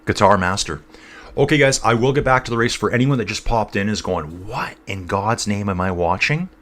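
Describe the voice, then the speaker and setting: Low-voiced man chatting through a cycling livestream. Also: animated, a little fast, a bit bright. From North East England. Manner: rambling, chatty, addresses viewers as dude and guys. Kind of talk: casual live commentary and chat reading.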